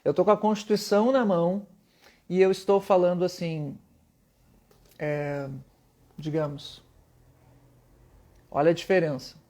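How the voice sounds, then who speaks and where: A man's voice: sits high, steady tone, unhurried, pauses often, darkish tone. A man teaching public speaking in a live-streamed lesson, emphatic, often putting questions to his viewers.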